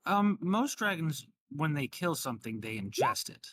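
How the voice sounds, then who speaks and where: A man's voice: a little high, sing-song, moderate pace, crowd noise, pitched above the performer's own voice. A man voicing a rambling, hesitant professor with a formal, polite manner in a tabletop game. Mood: hesitant, explaining. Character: rambling, polite male professor at a draconic college.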